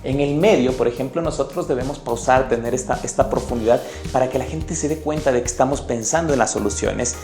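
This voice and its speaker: A man's voice: medium pitch, brisk, few pauses, a little mellow. Upbeat man in an echoey room. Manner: upbeat and emotive, speaks to the viewer directly. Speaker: presenter of book summaries. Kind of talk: animated sales lesson. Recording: echoey room with faint music.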